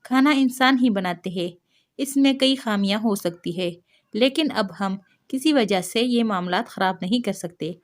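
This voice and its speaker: A woman voicing a calm noblewoman who speaks in a soothing, reasoning way. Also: mid-range voice, close to an everyday voice.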